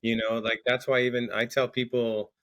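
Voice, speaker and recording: An entrepreneur and coach appears as a podcast guest, explaining things conversationally and often repeating words. His voice is medium in pitch, flat in delivery, a bit bright, and moves at a normal speed.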